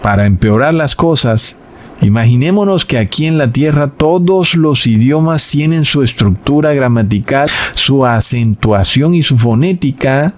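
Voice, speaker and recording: A man with a medium-pitched voice preaches a sermon-style Bible lesson, calling his listeners brothers and slowing on key words for emphasis.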